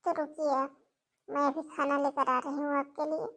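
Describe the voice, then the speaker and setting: A woman's voice: high voice, flat delivery, normal speed, fairly bright tone. A woman voicing a kind, protective young sister-in-law in a cartoon, speaking in a firm, reassuring way. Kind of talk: cartoon voice acting.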